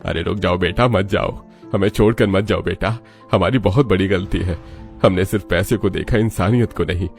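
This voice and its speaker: A man voicing an elderly rich father with a gravelly voice. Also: low-pitched, moderate pace, soft background music. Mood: pleading. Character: rich elderly father, stern then remorseful.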